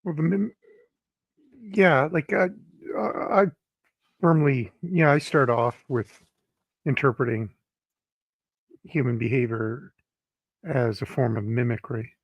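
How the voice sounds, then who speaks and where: A man hosting a casual conversation, halting and restarting before he makes his point. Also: medium pitch, husky, no room sound, dull audio.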